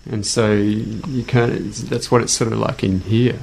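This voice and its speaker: A man appearing as a guest on a radio show in a small studio, relaxed and a little hesitant. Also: lowish voice, a little slow, vocal fry, slightly rough, rough recording. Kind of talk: casual radio chat.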